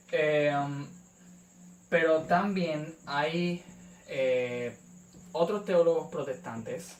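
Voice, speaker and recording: A young man from Puerto Rico with a Puerto Rican accent, hosting his channel and calmly explaining a theological rebuttal, pausing often on "eh". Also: mid-range voice, reverberant, distant mic, a little hiss or hum, low-quality recording. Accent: Puerto Rican Spanish. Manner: measured, frequent "eh" fillers. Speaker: YouTube channel host. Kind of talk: apologetics response video.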